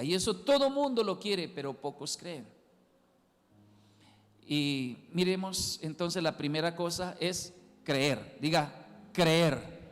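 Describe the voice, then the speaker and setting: A male pastor with a high voice preaches in a church hall with a long reverb around him. He takes his time, swinging from loud emphatic lines to soft quiet ones and repeating his key words. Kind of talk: sermon.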